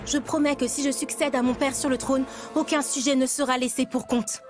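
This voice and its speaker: A woman's voice: high voice, fairly even intonation, a little fast, over music, natural voice. A woman voicing an earnest young princess in an anime dub, speaking formally.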